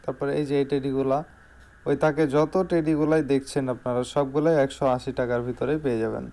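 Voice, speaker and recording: A man's voice: mid-range voice, little pitch movement, fast talker, warm tone. A man with a Bangladeshi accent giving an informal salesman's product showcase in voice-over, repeating key phrases for emphasis. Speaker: shop salesman.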